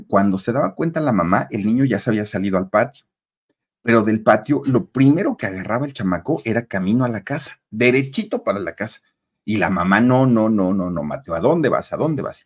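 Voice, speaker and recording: Brief: Mexican male horror storyteller, conversational, slightly husky voice. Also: lowish voice. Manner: conversational, addresses listeners directly.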